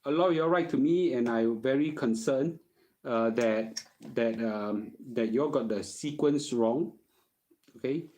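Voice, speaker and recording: A man's voice: medium pitch, a little slow, warm tone, a little hiss or hum. A middle-aged man with a Singaporean accent chats casually as a host answering questions, using colloquial Singlish phrasing and often checking in with "okay?". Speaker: host giving personal finance advice.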